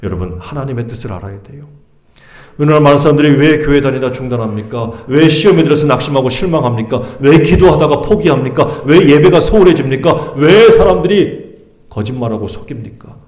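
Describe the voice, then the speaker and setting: A man's voice: medium pitch, expressive, brisk, a little mellow. A male pastor delivers a dramatic Korean sermon, asking question after question and retelling the story with vivid flair. His voice sits in a middle range. The sound rings through a roomy church sanctuary.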